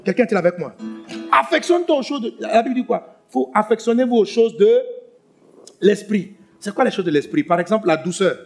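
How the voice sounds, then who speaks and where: A pastor preaching a sermon, swinging between loud emphatic lines and hushed ones. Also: male voice, high voice, expressive, fairly quick, husky, soft background music.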